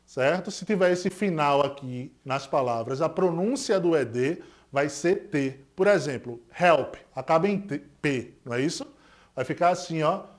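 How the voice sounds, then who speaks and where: A man with a Pernambuco Brazilian accent teaches a recorded lesson in a slightly raised voice. He explains patiently and often turns to his students with rhetorical questions. He gives each English example word extra force. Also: on the high side. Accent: Brazilian Portuguese, Pernambuco. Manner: didactic, asks students rhetorical questions and confirms with "certo?"; stresses English example words more loudly.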